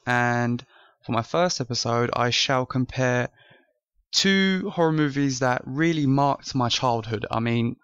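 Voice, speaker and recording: A man's voice: medium pitch, fairly bright tone, clear, resonant tone, no echo, highs cut off. Earnest young British man reviewing movies. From France. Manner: earnest, rambling with many restarts. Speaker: host. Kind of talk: casual movie review vlog.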